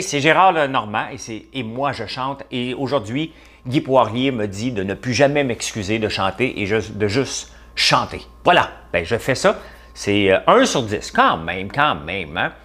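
A man's voice: medium pitch, fairly bright tone. A middle-aged man with a Quebec French accent, hosting a casual livestream and chatting with viewers by name. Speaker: livestream host reading viewer comments. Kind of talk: casual live chat.

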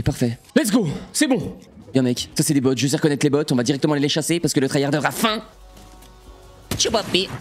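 Young guy streaming a shooter game, chatting to viewers, gets loud and annoyed fast, faint music under it. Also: medium pitch. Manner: excitable, talks to viewers, sudden frustrated outbursts. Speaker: gaming streamer. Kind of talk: live gameplay commentary.

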